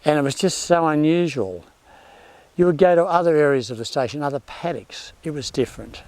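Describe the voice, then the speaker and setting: An older man with an Australian accent reminisces about bush life in a laconic, halting outback drawl, telling it unscripted like a yarn. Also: fairly high pitch, animated, darkish tone, dry recording. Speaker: former outback station worker telling bush yarns.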